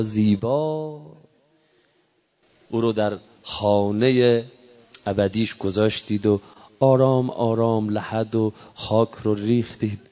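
A man's voice: mid-range voice, warm tone. Emotional preacher man, muffled sound. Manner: rising and falling emotional oratory. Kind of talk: religious memorial sermon.

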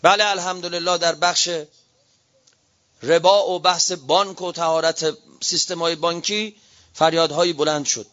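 A man with a Qom Persian accent delivers a fiery sermon, building to shouted rhetorical questions. His voice sits high and sounds bright and sharp. The recording is dull and lo-fi. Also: steady tone. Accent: Iranian Persian, Qom. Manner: impassioned, shouting rhetorical appeals. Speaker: cleric preacher.

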